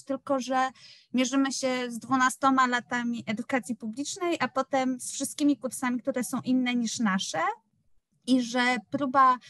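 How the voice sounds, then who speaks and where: A woman panelist with a high-pitched voice talks reflectively about her teaching. Her speech is hesitant and full of small fillers. The sound is dry and close. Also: a bit bright, dry recording. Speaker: academic panelist. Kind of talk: panel discussion.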